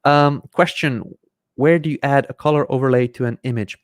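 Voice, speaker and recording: Speaking into a desk microphone in front of his face in a small room, a man in his thirties whose first language is Hungarian hosts a live Q&A with screen-share. He walks viewers through software step by step as he clicks, his medium-pitched voice at a moderate pace on a dry recording.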